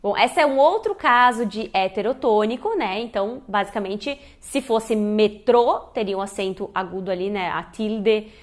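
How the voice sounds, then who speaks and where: A woman's voice: medium pitch, normal speed, hardly any pauses. A young woman hosts a casual online lesson and quizzes the viewer as she goes. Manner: lively, quizzes the viewer, gives spoken examples. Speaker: Spanish teacher, channel host.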